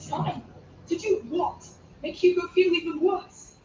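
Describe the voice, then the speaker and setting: A fierce young woman in a video game, urgent and pleading as she fights for her ailing brother. Her voice sits very high. It arrives distant and echoey through muffled, lo-fi stream audio. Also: a little slow, noisy background.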